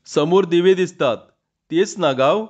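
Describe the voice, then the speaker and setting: A man's voice: sits high, unhurried, voice pushed up. Man putting on a fretful rural wife, raised and scolding, rustic speech, muffled lo-fi sound. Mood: anxious scolding. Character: rural village wife, anxious, outspoken, fearful of floodwater. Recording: dull lo-fi sound.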